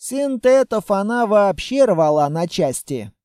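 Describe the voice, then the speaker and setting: A man plays a high-voiced, eager sniper in a read-aloud story, bristling and indignant. The voice is mellow in tone but raised and keen, recorded dry and close. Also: very animated, measured pace, clear, resonant tone, no room sound. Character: excitable male sniper, proud of his rifle.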